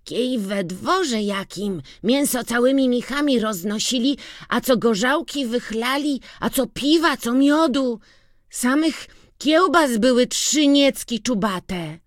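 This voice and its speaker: A narrator voicing a young farm boy who speaks in high, eager exclamations, in an audiobook. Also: animated, slow pace, no echo, clean studio sound. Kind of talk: audiobook reading.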